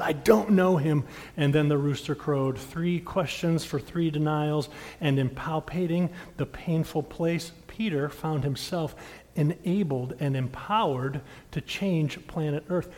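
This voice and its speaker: A middle-aged man preaching a sermon as pastor, addressing the congregation directly and swinging between loud, emphatic lines and hushed, intimate ones. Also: a little high. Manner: talks directly to the congregation with questions. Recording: long reverb of a large hall.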